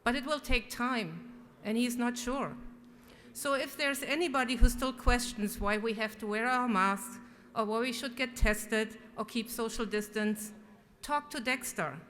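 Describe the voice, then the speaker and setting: A woman with a fairly high voice delivers an earnest speech as a legislator. The room is a big reverberant chamber, with faint noise behind her. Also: measured pace, a bit bright. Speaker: state legislator. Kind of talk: prepared floor speech. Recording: echoey hall with clear background noise.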